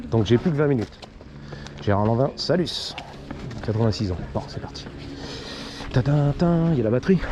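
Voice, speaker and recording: A man rides through city streets, cracking jokes in slangy, casual running commentary. His pitch swings widely as he talks. Traffic and engine noise sit clearly behind his helmet mic. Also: muffled recording. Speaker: motorcycle vlogger. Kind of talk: casual vlog commentary while riding. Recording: traffic and wind noise outdoors.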